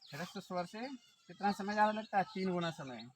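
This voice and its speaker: High-voiced man teaching outdoors. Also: expressive, normal speed. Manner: asks questions and answers them himself; stretches words to show calling out. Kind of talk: exam-prep lesson with call-and-response. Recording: outdoor noise with birdsong.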